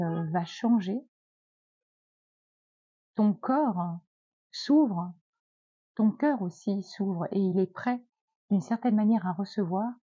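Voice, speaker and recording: A woman giving a gentle, encouraging self-help talk as a wellness coach, with many hesitant fillers. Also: medium pitch, husky, no echo, dull audio.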